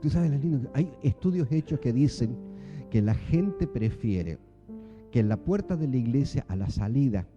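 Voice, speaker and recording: Argentine pastor preaching with rhetorical questions. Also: male voice, mid-range voice, moderate pace, dull audio, music in the background. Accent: Argentine Spanish. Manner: animated, rhetorical questions to the congregation. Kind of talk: sermon. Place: church.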